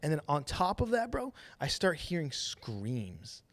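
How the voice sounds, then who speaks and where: A man's voice: fairly high pitch, a little slow, no echo. A man hosting a podcast, telling a personal story in casual, slangy chat and acting out what people said. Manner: slangy and animated, acts out quoted dialogue. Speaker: podcast host telling his testimony.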